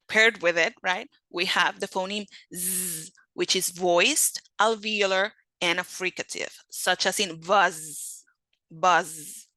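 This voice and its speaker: Woman lecturer with a bright voice, unhurried and methodical, teaching phonetics with a dry close sound. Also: mid-range voice, no room sound, rough recording. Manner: slow, methodical, repeats example words.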